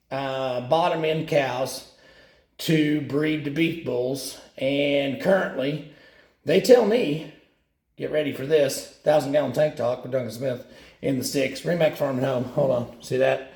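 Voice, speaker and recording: A man who is a real estate agent, talking casually and jokily about farm numbers from inside a steel milk tank. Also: creaky. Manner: folksy, self-mocking, jokey. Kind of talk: casual video monologue. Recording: boomy echo inside a metal tank.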